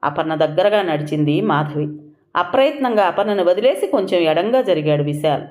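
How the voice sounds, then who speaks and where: A woman's voice: fairly low pitch, lively intonation, a little fast, a little mellow. A woman reading a dramatic, descriptive story aloud as an audiobook narrator.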